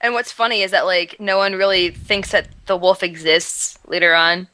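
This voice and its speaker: A woman's voice: on the low side, steady tone, normal speed, sharp tone. A woman co-hosting a casual podcast recap, talking in long rambling runs full of "like". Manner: rambling, heavy use of "like". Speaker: podcast co-host. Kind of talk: casual chat recapping a TV episode.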